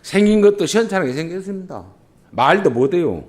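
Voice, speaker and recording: A male pastor with a Jeolla Korean accent preaching a sermon, impassioned, swinging between loud emphasis and quiet asides. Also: sits high, animated, brisk. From Jeolla region, South Korea. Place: church sanctuary.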